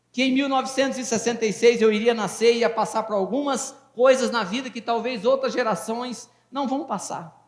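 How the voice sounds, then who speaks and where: This Brazilian pastor in his fifties has a very high-pitched, fairly bright voice. He preaches a fervent, folksy sermon and jokes with his congregation in a church hall, where the recording echoes with long reverb.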